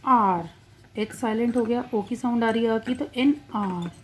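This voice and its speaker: A woman teaching English grammar, drawing out example words slowly to stress their sounds. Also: on the high side, slight background noise. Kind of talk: classroom-style grammar lesson.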